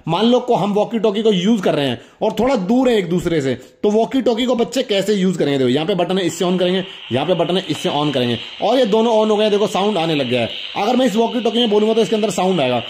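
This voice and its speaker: A young man hosts a hands-on toy unboxing, chatting casually and demonstratively and often speaking straight to his viewers. His high voice is a little mellow, with lively intonation, and he talks fast with hardly any pauses.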